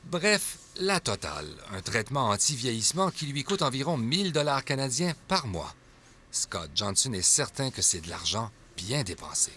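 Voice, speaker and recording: A man narrating a television news report in a measured, even voice. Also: mid-range voice, slight background noise. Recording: voice-over with music behind. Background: music.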